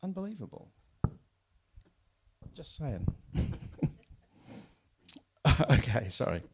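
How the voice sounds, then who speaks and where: A man's voice: mid-range voice, big pitch swings, slow pace, noisy background. A man, an author chatting wryly and reading aloud from his novel at a bookshop event. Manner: chatty, wry, with fillers and restarts.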